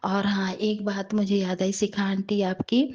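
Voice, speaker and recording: A woman giving a tender devotional talk to her listeners, in a rough, worn voice that often slips into a whisper. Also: mid-range voice, monotone, unhurried, darkish tone, muffled recording, a little hiss or hum. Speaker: devotional satsang speaker.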